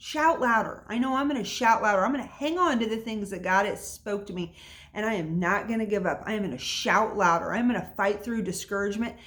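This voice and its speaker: A woman's voice: mid-range voice, fairly quick, fairly bright tone. A woman hosting a casual devotional podcast from her home, talking in a chatty, encouraging way with plenty of fillers. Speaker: podcast host. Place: at home by an open window.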